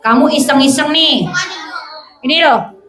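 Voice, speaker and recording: A woman giving a lively classroom lesson to children as a religious teacher, often quizzing and hushing the pupils. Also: high-pitched, a little slow. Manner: lively, calls out to hush and question pupils. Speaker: religious teacher at a school Ramadan camp. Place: school hall with children. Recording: echoey hall with background noise.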